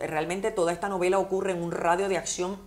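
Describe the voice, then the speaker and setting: A woman's voice: fairly low pitch, little pitch movement, quick pace, a little mellow. A woman author with a Puerto Rican accent, telling heartfelt personal stories in a conversational interview. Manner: vivid, heartfelt personal storytelling.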